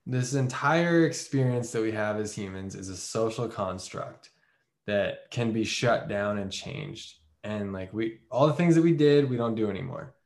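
A man hosting a podcast in casual interview chat, musing in a relaxed way and swearing casually. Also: fairly low pitch, normal speed. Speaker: podcast host. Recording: roomy echoey sound.

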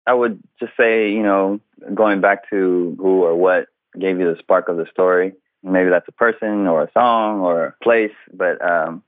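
A man, a children's book author and illustrator, talking in a relaxed, conversational way during a phone interview over a tinny line. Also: low-pitched, measured pace, dry recording. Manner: relaxed, conversational, fills with "you know".

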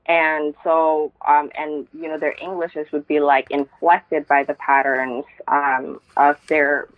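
An Indonesian poet is a guest in a casual interview, speaking reflectively with many fillers and frequent laughter. Her voice is deep and slow with little pitch movement, and it comes through a tinny, phone-like line.

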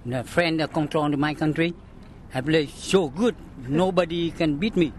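An older man from Vietnam with a Vietnamese accent, being interviewed in halting, simple broken English. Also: on the high side, a little hiss or hum. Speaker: amateur player being interviewed.

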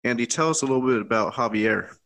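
A man hosting a casual sports podcast, reading a brisk intro and then asking plain questions. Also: mid-range voice, gravelly, a bit bright. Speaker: podcast host.

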